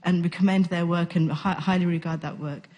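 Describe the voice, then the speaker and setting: A woman's voice: lowish voice, steady tone, brisk, a little mellow, dull audio. A woman in the audience asking questions at a conference, polite and a little hesitant. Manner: polite, slightly hesitant, with fillers. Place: university conference room.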